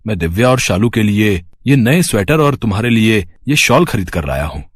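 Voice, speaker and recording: A man's voice: fairly low pitch, lively intonation, normal speed, no room sound. A man voicing a loving village father who speaks tenderly to his daughter. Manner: warm toward his child, emotional. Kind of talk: animated storybook voice acting.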